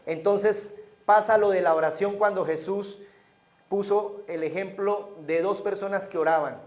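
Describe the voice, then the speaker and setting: A middle-aged Colombian man preaching a sermon, telling stories and moving between hushed and raised delivery. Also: high voice, measured pace, roomy sound.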